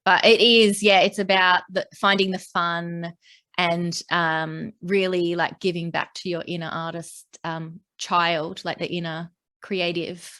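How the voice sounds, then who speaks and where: A woman's voice: lowish voice, little pitch movement, a little slow, bright, forceful tone. A woman co-hosting a podcast, talking casually in a rambling, upbeat way with lots of fillers. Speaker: podcast co-host. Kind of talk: casual chat.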